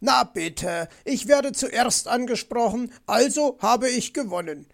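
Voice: medium pitch, lively intonation, slow, vocal fry, pitched above the performer's own voice. A storybook narrator voicing Mr. Fox, a fussy, bossy male fox who grumbles and lectures.

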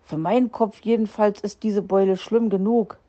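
Woman voicing a proud grumpy fox, grumbling, indignant, slow, mellow tone. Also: mid-range voice, fairly even intonation, highs cut off, natural voice.

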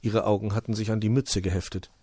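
A man reading a children's story aloud as narrator, expressive. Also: on the low side, quick pace, no echo.

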